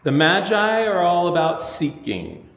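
A man preaching a sermon as pastor, conversational and animated in his storytelling. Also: sits high, measured pace, vocal fry, roomy sound, in a large hall, lo-fi sound.

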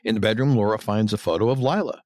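A man's voice: on the low side, very fast, darkish tone, no echo. A man co-hosting a podcast, recapping a TV episode scene by scene in a casual chat. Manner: retells scenes, acting out quotes. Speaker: podcast co-host.

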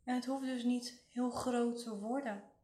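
A woman leading a guided relaxation meditation in a soothing, gentle way, leaving long pauses. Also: fairly high pitch, steady tone. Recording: roomy, echoing voice recording.

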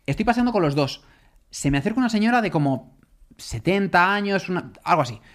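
A man, a podcast co-host chatting casually and telling anecdotes with lively acted-out quotes. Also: sits high, brisk. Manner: animated storyteller, acts out quoted voices. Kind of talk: casual chat.

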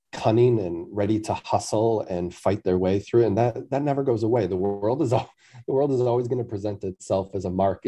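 A man's voice: low-pitched, warm tone. A man from Massachusetts, an author being interviewed over the phone, speaking thoughtfully and laughing easily. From Massachusetts, USA. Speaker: author guest. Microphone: phone line.

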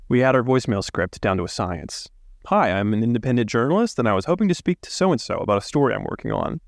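Low-voiced man narrating over soft music. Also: no echo, clean studio sound. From Alabama. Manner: measured, reflective storytelling. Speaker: podcast narrator. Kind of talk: scripted true-crime narration.

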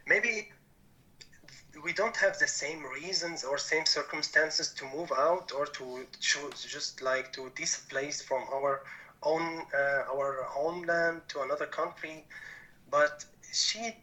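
Syrian-born guy on a podcast, earnest, keeps rephrasing, bright kinda higher voice. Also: slow pace, poor audio. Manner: earnest, rephrases often in non-native English. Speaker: podcast guest. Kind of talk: conversational interview.

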